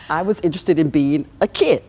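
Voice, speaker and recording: A woman's voice: sits low, unhurried, a little mellow, a little hiss or hum. A woman from Louisiana, a panel guest who tells her story in a playful, laughing way. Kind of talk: panel interview.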